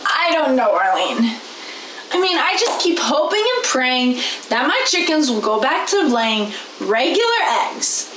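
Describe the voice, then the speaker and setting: A high-voiced, unhurried farm girl with chickens, bewildered and exasperated in a folksy way, played by a young woman. She is heard in a church skit through a camera mic on a small indoor set, with room echo and a faint hiss behind. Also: very animated, a bit bright, heavily acted. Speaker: guest in a skit.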